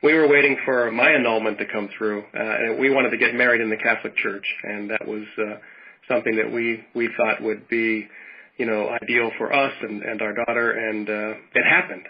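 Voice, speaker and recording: A man's voice: on the low side, fairly even intonation, normal speed, highs cut off. A man in his fifties from Western Pennsylvania chatting casually as a podcast co-host, rambling through his thoughts with many restarts. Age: 50s. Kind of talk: casual chat.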